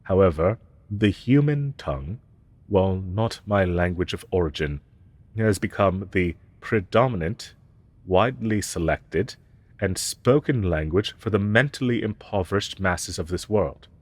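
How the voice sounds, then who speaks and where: A man voices a haughty ancient male dragon professor in a scripted roleplay audio drama monologue, his voice deep, animated, and darkish with no room sound. Pompous and condescending toward humans, he uses archaic, formal diction and speaks in a disdainful, deliberate way.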